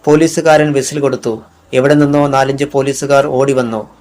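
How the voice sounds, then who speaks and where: A man narrating a crime thriller audiobook in a measured, even reading. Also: mid-range voice, a little hiss or hum. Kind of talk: scripted narration.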